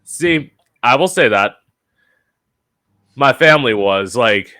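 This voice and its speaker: Bright-voiced podcast host. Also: male voice, medium pitch, lively intonation, slow. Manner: curious, asks questions, shares own story. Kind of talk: interview chat.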